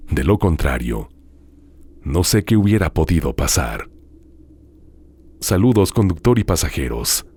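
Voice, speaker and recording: A man hosting a show, reading listener horror stories aloud in a dramatic, hushed storytelling manner with drawn-out pauses. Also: low-pitched, very animated, slightly rough. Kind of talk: scripted horror narration.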